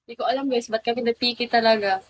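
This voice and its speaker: A woman's voice: fairly high pitch, steady tone, fast talker, heavy background noise. Giggly young woman live-streaming. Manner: giggly, mixes English and Filipino. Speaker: livestream host. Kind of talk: casual live-stream chat.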